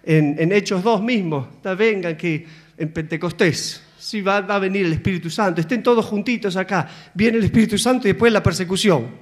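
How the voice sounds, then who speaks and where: A man's voice: high-pitched, fairly quick. A man preaching a sermon in a conversational way, acting out biblical dialogue and checking in with his listeners. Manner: conversational, acts out biblical dialogue with frequent tag questions.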